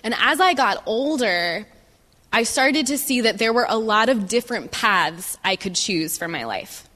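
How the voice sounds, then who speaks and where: A woman giving a personal testimony as a guest speaker, speaking in measured phrases and pausing for an interpreter. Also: on the high side, expressive, bright, forceful tone. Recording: reverberant hall.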